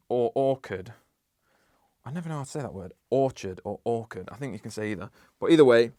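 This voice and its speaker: A man's voice: on the low side, dry recording. A young man who makes music, talking casually about his process in his home studio, rambling with lots of "like". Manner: relaxed, rambling, many "like" fillers. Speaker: music producer. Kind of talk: casual studio vlog talk.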